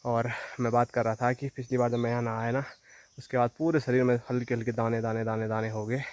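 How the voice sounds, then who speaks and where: Insects and rural sounds surround this village vlogger as he walks a forest trail in the Himalayan hills of northern India, chatting with his audience directly. He speaks fast in a flat, medium-pitched, slightly mellow voice. The highs in the recording are cut off.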